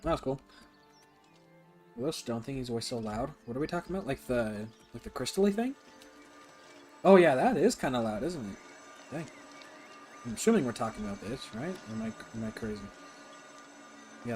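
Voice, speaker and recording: A man live-streaming a game, chatting casually with lots of fillers like "like" and "you know", and breaking into loud, excited reactions during fights. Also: medium pitch, brisk, long pauses, faint music behind. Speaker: streamer playing a game for the first time.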